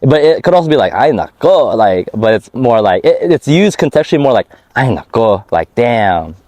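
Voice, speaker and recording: Out on a hike, a US rapper gives a relaxed, slang-filled interview about his music, laughing a lot along the way. He has a medium pitch, a sing-song delivery and a slightly mellow tone at normal speed. The audio carries no echo.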